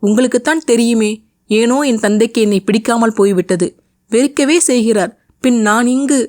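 A woman's voice: fairly high pitch, normal speed, a little mellow, pitched above the performer's own voice, lightly acted. A woman voicing a young heroine in an audio novel, tearful and pleading with her beloved.

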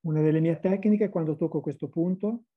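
A woman's voice: low-pitched, a little fast, husky, narrow, tinny audio. A woman interpreting a teacher's words into full sentences, with small restarts. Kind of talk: consecutive interpreting into Italian.

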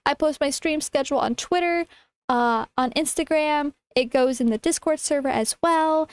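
A woman's voice: sits high, moderate pace, no echo. A young woman livestreamer chatting casually to her viewers in a cutesy, informal, affectionate way. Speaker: livestreamer, VTuber.

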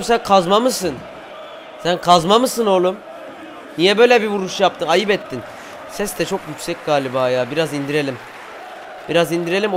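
A teenage boy from Turkey giving excited football game commentary, cheering on his players and shouting at missed chances. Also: high-pitched, a little hiss or hum. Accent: Turkish. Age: teens. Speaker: gaming YouTuber.

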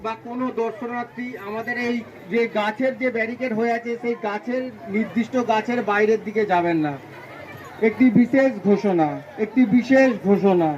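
A man's voice: very high-pitched, normal speed, darkish tone, highs cut off. A man with a West Bengal accent making a repeated public safety announcement outdoors. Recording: noisy outdoor crowd recording.

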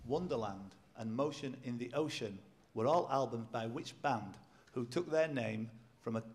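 A man's voice: mid-range voice, moderate pace. Man reading out pub quiz questions. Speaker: quizmaster. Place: pub function room.

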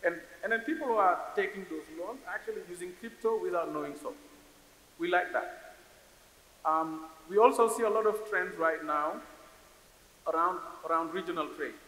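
A man's voice: sits high, moderate pace, sharp tone. Senegalese man speaking in an echoey hall. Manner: thoughtful, repeats words while searching for phrasing. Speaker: investor panelist. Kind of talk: conference panel discussion. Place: large conference hall stage. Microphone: stage microphone on a stand. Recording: roomy hall reverb with faint hiss.

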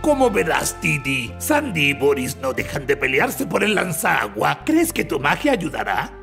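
A big, gentle cartoon uncle creature. He speaks slowly in a gravelly voice that leaps up and down as he gets flustered. Loud music plays behind him. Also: fairly high pitch, wildly swooping pitch, heavily acted. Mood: weary, hopeful. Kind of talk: children's cartoon dub acting.

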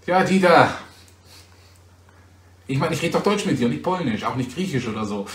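A man from Germany chats with his viewers on a livestream recorded on a phone. His voice sits a little high, and he talks in a teasing, chatty way, often checking back with a quick "ja?". The room around him sounds echoey. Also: expressive. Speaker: livestream host. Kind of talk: casual livestream chat answering viewers. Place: home in Poland.

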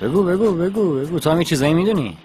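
A man's voice: fairly high pitch, lively intonation, over music, lightly acted. An actor dubbing a bossy, hot-tempered brother who threatens his sister. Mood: angry. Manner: domineering, threatening. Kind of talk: dubbed TV drama dialogue.

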